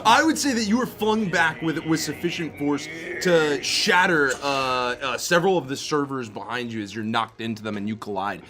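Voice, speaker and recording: A man improvising tabletop game narration as game master, building descriptions haltingly piece by piece. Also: medium pitch, pushed and bright. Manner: halting, piecing descriptions together. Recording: music behind the voice.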